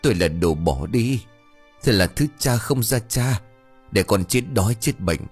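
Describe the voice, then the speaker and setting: Guy doing a broken old dad, deep husky voice, full of guilt, voice rising and falling a lot. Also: lively intonation, fairly quick, a little mellow, faint music behind. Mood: anguished. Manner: choked, remorseful pleading. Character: grieving poor old father, guilt-ridden man.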